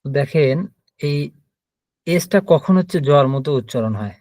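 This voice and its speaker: A man's voice: medium pitch, expressive, normal speed, darkish tone, no echo. Man teaching letters, dry sound. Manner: patient, spells out letters one by one. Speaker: German teacher. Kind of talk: online language lesson.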